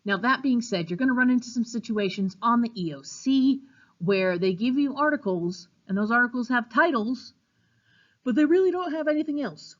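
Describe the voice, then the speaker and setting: A woman's voice: fairly high pitch, moderate pace, highs cut off. Woman teacher explaining writing lessons. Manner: clear, instructive, with occasional fillers. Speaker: English teacher. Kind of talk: recorded classroom lecture over slides.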